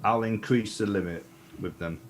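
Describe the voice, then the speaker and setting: A man playing in a tabletop game, thinking out loud through spell rules and his moves. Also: fairly low pitch, normal speed. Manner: checks rules and plans spell moves aloud. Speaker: player.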